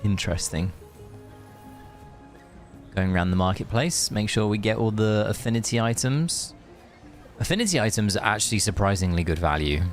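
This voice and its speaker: During a casual live game stream, a man rambles to his viewers with friendly asides. His voice sits on the low side and is expressive, moving at normal speed with frequent pauses. Music plays behind him.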